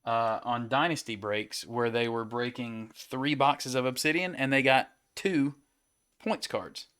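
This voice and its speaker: A man's voice: medium pitch, measured pace, a bit bright, clear, resonant tone. Easygoing man rattling off card pulls. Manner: easygoing, rattles off player names between chat. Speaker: card break host. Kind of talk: casual chat while opening card packs.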